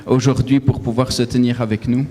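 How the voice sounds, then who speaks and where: A man, the church pastor, giving a warm and gracious introduction of a guest speaker. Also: mid-range voice, flat delivery, fairly quick, big-room sound.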